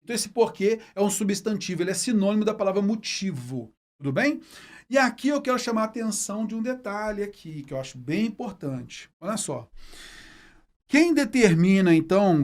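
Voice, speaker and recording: Lively, chatty teacher man. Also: sits high, moderate pace. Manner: chatty, folksy, keeps checking in with the viewer. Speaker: Portuguese teacher. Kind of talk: casual video lesson.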